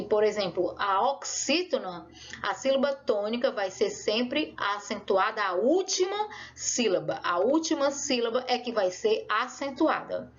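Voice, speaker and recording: A woman teacher giving a remote lesson, explaining patiently and drawing out her words with lots of diminutives. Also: fairly high pitch. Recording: dull lo-fi recording.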